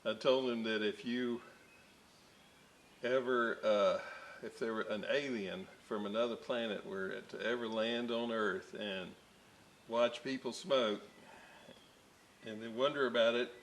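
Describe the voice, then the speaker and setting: With a steady, medium-pitched tone, the host speaks unhurriedly and pauses often while working on a radio restoration at his electronics workbench. His narration is casual and rambling, peppered with fillers and side tales. There's a slight hiss or hum.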